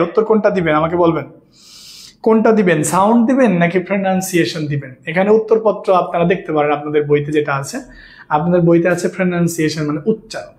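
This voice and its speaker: A male teacher from Bangladesh, running an online grammar lesson. He talks quickly in a high voice and keeps repeating his questions to coax answers from his students. The recording has a roomy echo. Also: darkish tone.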